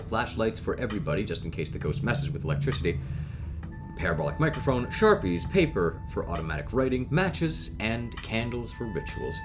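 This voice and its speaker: A man reads an eager young ghost hunter from a story game. He rattles off equipment with excitement in a deep, low voice. Faint music plays underneath. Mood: excited.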